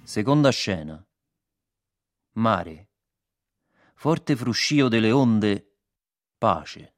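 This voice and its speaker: A man reading the stage directions in a very slow, measured announcer voice. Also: on the low side, very animated, no room sound, studio quality. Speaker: scene announcer.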